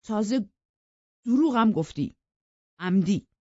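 A woman doing a hurt, reproachful young gentleman. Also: mid-range voice, lively intonation, dry recording, muffled recording, pitched above the performer's own voice, natural voice. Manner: wounded, reproachful.

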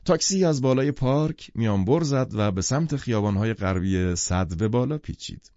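A man narrating a novel as an audiobook, in a measured, expressive reading. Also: medium pitch, no echo, highs cut off. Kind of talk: scripted literary narration.

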